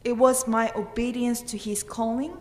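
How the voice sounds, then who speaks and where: A woman pastor in her thirties, Korean-accented, preaches from a church pulpit at a moderate pace, her voice on the high side and level in tone. She is earnest and asks emphatic questions, and the pulpit microphone records long reverb in a roomy church.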